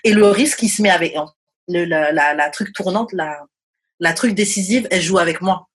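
A young woman from France in a casual chat, hesitant, restarting often and trailing off quietly. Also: on the low side, normal speed, breathy edge.

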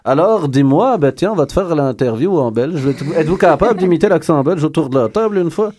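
A man's voice: on the high side, animated, quick pace, a crowd in the background. Joking podcast host man. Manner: teasing, playful, jokes often. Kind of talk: casual joking chat.

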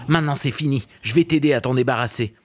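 A man voicing a small, brave and clever male weaver bird who talks excitedly, pitched above his own voice in a children's audio story. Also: fast talker, slight background noise, natural voice. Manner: excited, eager.

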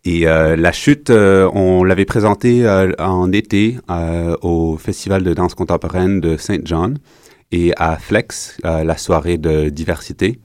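A man's voice: sits low, a little slow, dry recording, clean studio sound. A man with a Québécois accent, a guest dancer and choreographer, talking casually in a radio interview with lots of hesitant fillers. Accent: Québécois French. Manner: relaxed, many hesitation fillers.

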